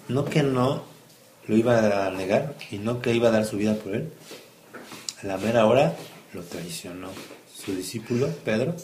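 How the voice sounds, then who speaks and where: Brief: low-voiced father, bible storytelling to his kid, roomy echo, faint hiss. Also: a little mellow. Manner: storytelling, asks the child questions, acts out quotes. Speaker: father homeschooling his child. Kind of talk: bible story lesson for a child. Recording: echoey room, faint noise.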